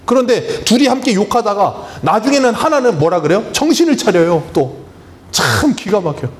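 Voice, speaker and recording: A man's voice: high voice, sing-song, moderate pace. A man preaching a Sunday sermon as pastor, emphatic and full of rhetorical questions to the congregation. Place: church sanctuary.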